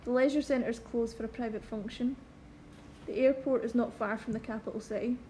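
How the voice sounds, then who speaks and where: A woman in a classroom reading example sentences clearly, then explaining with some hesitation. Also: on the high side, fairly even intonation, a little fast, dark tone, slight background noise, low-quality recording. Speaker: English speaker reading examples.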